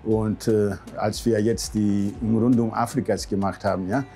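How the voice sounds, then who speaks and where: Fairly low and mellow, with a flat delivery at normal speed, this Greek man in his sixties works as a cruise ship captain. He casually recalls old times over background music, speaking non-native English with a Greek accent, loose grammar and habitual short questioning tags.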